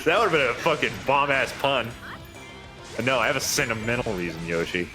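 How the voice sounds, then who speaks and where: A man's voice: medium pitch, sing-song, moderate pace, over music. A man casually chatting on a game stream, blunt, sweary and enthusiastic. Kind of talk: casual chat about games.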